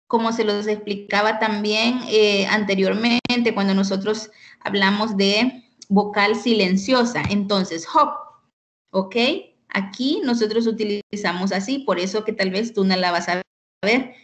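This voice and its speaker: A woman teaching an online English lesson, explaining slowly and patiently and often checking in with "ok?". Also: medium pitch, steady tone. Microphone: computer mic on a video call.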